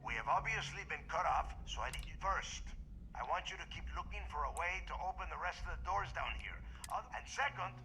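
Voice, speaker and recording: A brisk male crew leader in a video game, handing out orders in a commanding way. His voice is high-pitched and bright. It sits well under the rest of the sound. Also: lively intonation, gravelly, slight background noise, heavily acted.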